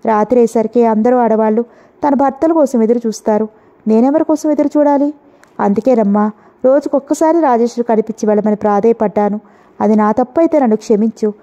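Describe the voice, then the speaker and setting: A wounded woman doctor pleads earnestly to be understood, as a woman reader plays her. The tone is mellow and a little high. The recording sounds dull and lo-fi. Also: quick pace, natural voice. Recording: dull lo-fi audio.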